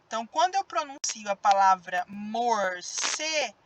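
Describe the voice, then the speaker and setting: Slow, careful Brazilian woman teacher. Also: fairly high pitch, lively intonation, background noise. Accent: Brazilian Portuguese. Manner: slow, drawn-out stressed syllables when demonstrating words. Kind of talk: recorded grammar lesson for children.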